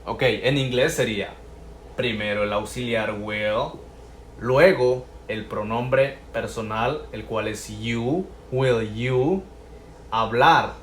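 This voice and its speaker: Teaching English grammar in Spanish, a man patiently works through each example and repeats the English phrases slowly. His voice is medium-pitched, the sound reverberant with slight background noise.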